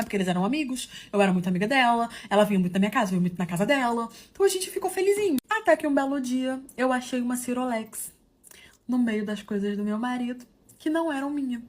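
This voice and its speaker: A woman telling a dramatic personal story in an animated, gossipy way, acting out the dialogue and calling her listeners "love.". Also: fairly high pitch.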